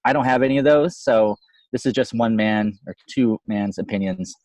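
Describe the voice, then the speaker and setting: A man's voice: on the low side, moderate pace, darkish tone, no echo. A man co-hosting a casual podcast discussion, his voice slightly fuzzy and distorted from too much microphone gain. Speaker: podcast co-host, software developer. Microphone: close microphone with gain too high.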